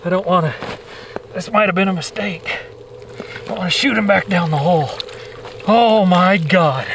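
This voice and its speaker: A man's voice: high voice, moderate pace, gravelly, distant mic, noisy background. A man hosting an outdoors video, talking on a frozen lake, exclaiming in disbelief and swearing as he lands a fish. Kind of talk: excited outdoor commentary.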